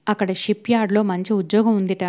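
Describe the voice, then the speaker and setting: Mellow-voiced woman narrating a novel. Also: medium pitch, fast talker. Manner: steady, even storytelling. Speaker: audiobook narrator.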